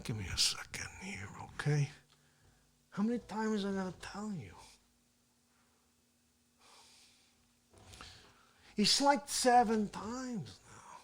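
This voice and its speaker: A performer playing a brash, boastful male talk-show host who rambles through a comedy rant, swinging between loud yelling and hushed asides. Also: medium pitch, sing-song, unhurried. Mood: scolding, yelling. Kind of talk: comedic character monologue.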